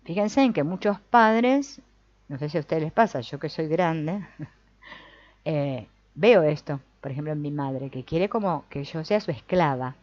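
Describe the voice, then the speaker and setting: A woman with a deep, animated voice speaks at a measured pace, slightly mellow, leading a family constellations group. She reads from a book and comments reflectively, often checking in with a questioning "no?" or "mm?". The audio is dull, lo-fi, and dry, with no room sound.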